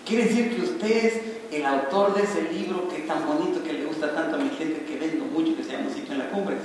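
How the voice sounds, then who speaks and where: A man voicing an eager young male book seller who talks with excited disbelief. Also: fairly high pitch, a little fast, a little hiss or hum, close to an everyday voice. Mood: amazed. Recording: echoey hall from far off.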